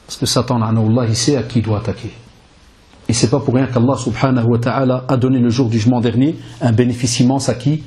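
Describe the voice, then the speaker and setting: Brief: man, sermon preacher, conversational, rhetorical questions, warm mellow tone. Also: medium pitch, fast talker. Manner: lively and conversational, with rhetorical questions and Arabic religious phrases. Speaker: preacher and lecturer.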